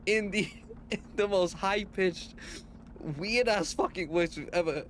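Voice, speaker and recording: A young man chats on a live stream, swearing freely and telling stories to viewers. His voice sits a little high for a man. A faint hiss runs under the audio. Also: measured pace, a bit bright. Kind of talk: casual live-stream chat.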